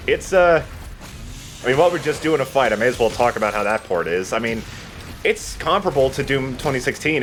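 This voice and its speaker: This let's player's mid-range voice carries light, self-deprecating chatter as he comments on his gameplay. A slight hiss or hum is present.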